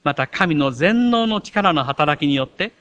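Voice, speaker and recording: A man preaching a sermon as pastor, animated, with self-mocking asides. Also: a little high, a little slow, highs cut off. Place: church.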